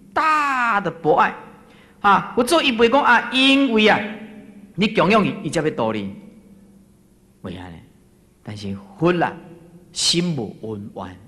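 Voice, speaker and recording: A man with a Taiwanese accent giving a Buddhist dharma talk, telling stories in a colloquial, humorous way, swinging between loud exclamations and soft asides. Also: mid-range voice, long reverb tail.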